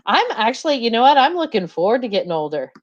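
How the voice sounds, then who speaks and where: A woman's voice: on the high side, sing-song, fast, highs cut off. A woman in her forties co-hosting a live stream, chatting jokingly and reading out viewer comments. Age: 40s. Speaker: co-host of live show. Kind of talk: casual live stream chat.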